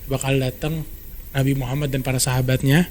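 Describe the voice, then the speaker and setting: A man telling a story in a casual podcast chat, brisk and animated, acting out quoted dialogue. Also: mid-range voice, a little hiss or hum. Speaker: storyteller guest.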